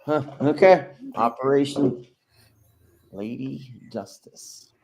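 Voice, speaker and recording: A male podcast host who talks at an everyday middle pitch. He rambles and circles back on himself, dropping lots of "you know", and he likes to tease his co-host. It sounds like loose, unscripted conversation. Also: takes it slowly, gravelly, a little mellow, slight background noise. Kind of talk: casual chat.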